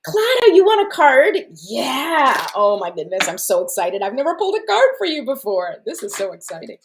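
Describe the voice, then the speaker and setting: A woman whose first language was Portuguese hosts a live stream, reading oracle cards in casual, effusive chatter full of fillers and little laughs. Her high voice swings widely in pitch at a normal speed, with a noisy background.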